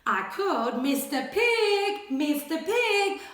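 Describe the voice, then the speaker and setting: Storybook wolf, played by a woman: self-justifying, mock-innocent, high and swooping, unhurried delivery. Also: big pitch swings, a bit bright, full character voice. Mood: chatty, self-justifying. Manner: folksy, mock-innocent, confiding. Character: chatty, self-justifying male wolf telling his side. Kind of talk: animated storybook read-aloud for children. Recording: echoey, reverberant room.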